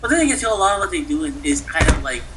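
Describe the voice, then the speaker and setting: A podcast co-host chatting casually about games and movies, halting and restarting often. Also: medium pitch, big pitch swings, background noise. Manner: halting, many restarts and fillers.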